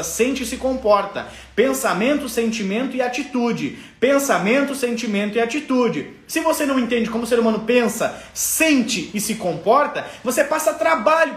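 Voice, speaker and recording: A man's voice: extremely high pitch, echoey room. A man with a Brazilian accent giving a live parenting lesson, explaining step by step, checking in often and acting out the voices of parents and children. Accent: Brazilian Portuguese. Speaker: parenting educator. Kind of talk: live parenting lesson, answering viewer questions.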